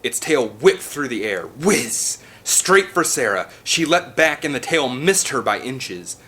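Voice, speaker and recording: Reading a children's adventure novel aloud, a man narrates from a script with emphatic, stagey flair. His medium-pitched voice swings widely in pitch, sounds pushed and bright, and moves at a measured pace.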